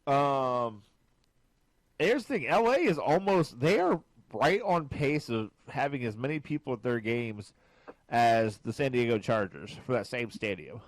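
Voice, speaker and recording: Hombre animado charlando de deportes. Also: male voice, a little slow, dry recording. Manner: animated, jokey, swings pitch high when excited. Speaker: podcast co-host. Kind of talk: casual sports chat.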